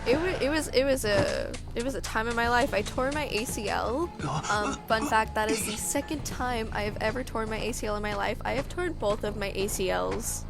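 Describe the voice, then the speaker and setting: A woman's voice: fairly high pitch, normal speed, creaky, music in the background. A woman in her early twenties with a feminine voice, giving a casual, self-conscious voice-over with rambling, self-mocking asides. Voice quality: feminine-sounding. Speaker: gaming channel creator.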